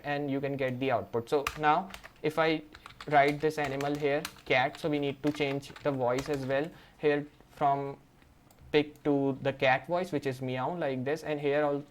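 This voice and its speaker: Man talking through a coding tutorial. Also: on the high side. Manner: walks through steps while working; leans on fillers like "you can say". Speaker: programming tutor. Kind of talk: screen-recorded coding tutorial.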